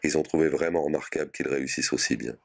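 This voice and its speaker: A man's voice: rumbling low, fast, gravelly, exaggerated voice. A man reading the part of a grieving aging mother visiting her son in prison, tearful and pleading. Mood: hopeful.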